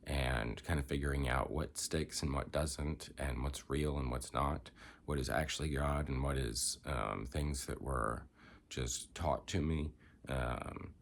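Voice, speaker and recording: A young male vlogger with a steady, gravelly bass voice speaks unhurriedly while congested and coughing. In this candid personal vlog, he rambles reflectively, using many filler words.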